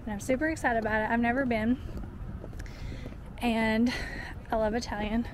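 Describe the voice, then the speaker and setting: A woman's voice: a little high, steady tone, normal speed, background noise. Chatty young woman vlogging outdoors. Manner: chatty, upbeat, talking to camera while walking. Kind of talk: casual vlog chat. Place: outdoors on a city street. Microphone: handheld camera at arm's length.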